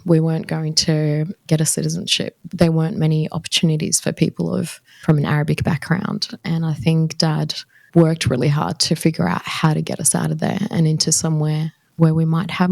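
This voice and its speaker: Low gravelly woman telling her story. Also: dry recording, studio quality. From Australia. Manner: warm, laughs often while telling her story. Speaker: psychologist guest. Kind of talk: casual interview chat.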